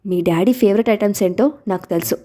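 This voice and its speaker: A woman voicing a gentle, teasing young father. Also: mid-range voice, quick pace, natural voice.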